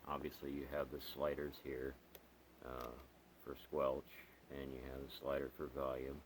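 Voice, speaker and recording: A hobbyist man reviews gear in a casual, unscripted way, his bass voice staying monotone as he rambles, halts and pauses to explain things. The recording carries a little hiss or hum.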